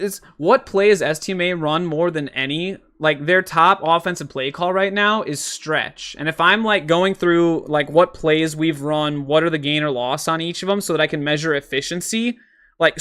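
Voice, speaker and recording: A man's voice: a little high, pushed and bright, clean tone. A man casually breaking down football game film, thinking aloud with frequent fillers and exasperated outbursts.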